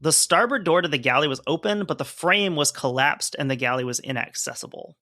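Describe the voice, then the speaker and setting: A man's voice: on the high side, lively intonation, fairly quick, sharp tone, no room sound, clean studio sound. A man co-hosting a podcast, reading from a report and chatting casually with lots of fillers. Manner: conversational, hedging with fillers while explaining. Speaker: podcast co-host.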